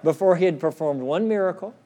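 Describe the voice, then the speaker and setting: A middle-aged male pastor preaching a sermon in a church, earnest, repeating phrases and dropping to a soft hush for quoted words. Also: high voice, fast talker. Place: church sanctuary.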